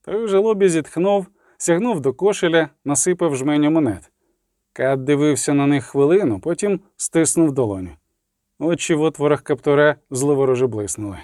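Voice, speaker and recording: A man narrating a fantasy audiobook in an expressive, dramatic reading style. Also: on the high side, moderate pace, dry recording, clean studio sound.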